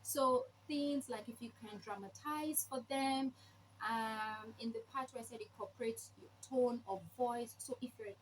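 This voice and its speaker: A woman with a fairly high voice presents tips in an informal teaching style. She explains point by point, stressing key words and posing questions as she goes. Some noise sits behind her voice. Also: steady tone, a little slow. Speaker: presenter sharing read-aloud tips. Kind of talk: informal instructional talk to camera. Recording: clearly noisy background.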